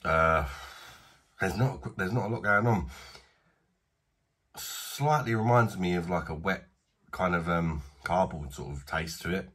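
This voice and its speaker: A man's voice: low-pitched, a little slow, pauses often, a bit bright, breathy edge. A man in his thirties with a British accent, chatting bluntly and casually while reviewing a beer in a small home bar. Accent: British English. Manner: chatty, blunt, self-deprecating.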